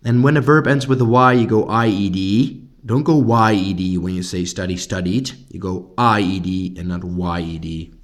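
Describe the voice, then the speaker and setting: A man's voice: sits low, normal speed. A man with a Dutch accent teaching English grammar in a recorded lesson for his students. He explains each point patiently and step by step, with frequent fillers.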